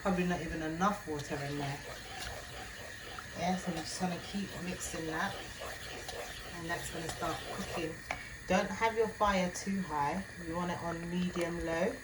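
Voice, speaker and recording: A deep-voiced woman with a Jamaican accent walks viewers through a cooking tutorial at home, chatting away and asking "yeah?" after most of her phrases. The recording from her kitchen is very noisy.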